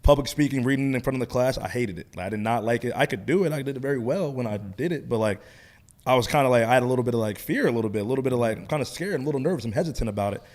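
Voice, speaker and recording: Guy w a slight lisp talking quick, chatty podcast cohost telling stories. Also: medium pitch. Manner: talkative, animated storytelling. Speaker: podcast co-host and coach. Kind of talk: casual chat.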